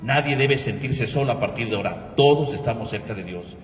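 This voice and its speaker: A man's voice: medium pitch, brisk, slight background noise. A man preaching at Mass as a priest, asking rhetorical questions and leading prayers, his voice ringing with cathedral echo. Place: large church. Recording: echoey church hall from far off.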